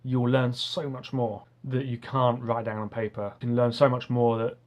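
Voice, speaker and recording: A man with soft R sounds, saying w for r, talks casually to camera like an online music teacher, earnest, enthusiastic and rambling. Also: medium pitch, little pitch movement, moderate pace.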